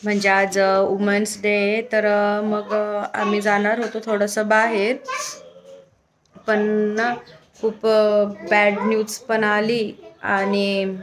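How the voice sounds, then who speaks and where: A woman's voice: mid-range voice, monotone, slow. A young woman, a mother talking casually to her children and her viewers, coaxing and playfully scolding. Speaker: vlogger, mother. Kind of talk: casual family vlog chat. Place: home, in and out of doors. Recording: noisy home phone recording.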